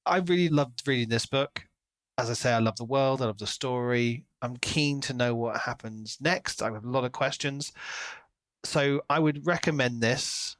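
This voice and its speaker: A man co-hosts a podcast, talking casually about books and slipping into imagined quotes along the way. His mid-range voice has a fairly bright tone and a moderate pace. The recording is dry.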